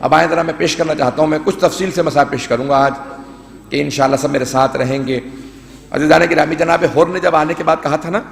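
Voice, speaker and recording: A high-pitched male cleric preaching a mourning sermon. He tells the story in a lamenting, emotional way. His voice rings out through a large hall with a long, echoing reverb. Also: fairly even intonation, gravelly. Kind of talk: Shia majlis sermon narrating mourning accounts.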